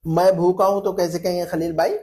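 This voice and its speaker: A male Arabic teacher runs a classroom drill in a high, slightly mellow voice, speaking briskly with a flat delivery. Patiently, he repeats phrases and prompts students by name.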